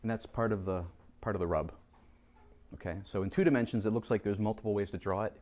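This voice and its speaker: A man's voice: on the low side, quick pace. A man teaching a chemistry class, coaxing and teasing students as he goes over review problems. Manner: lively, teasing, coaxes students to answer. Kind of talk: classroom lesson.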